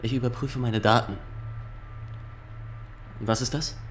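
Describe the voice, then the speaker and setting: This actor voices a young, officious inspector in a German radio play, interrogating people with stiff formality, pedantry and insistence in a probing mood. His mid-range, natural voice keeps fairly even intonation at a measured pace, over slight background noise.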